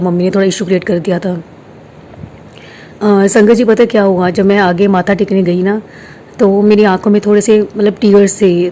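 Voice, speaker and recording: A woman in her 30s with a medium-pitched, mellow voice shares a personal spiritual experience as a casual testimony, speaking hesitantly with many fillers and some English words mixed in. She's in a quiet room at home, with faint hiss behind her.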